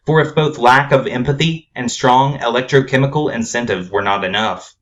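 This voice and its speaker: A man narrating a scripted spoken essay in a measured, formal, grave manner. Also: mid-range voice, a bit bright.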